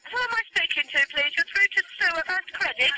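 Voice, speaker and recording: A woman's voice: very high-pitched, lively intonation, quick pace. A woman working as a call centre agent, speaking in scripted customer service phrases. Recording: very noisy phone line.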